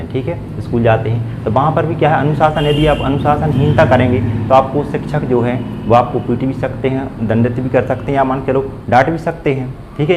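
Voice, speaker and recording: A man of ordinary pitch teaches grammar. He fires off questions and answers them himself, repeating the key terms. Faint noise sits under the recording. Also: darkish tone, rough recording. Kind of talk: classroom-style grammar lesson.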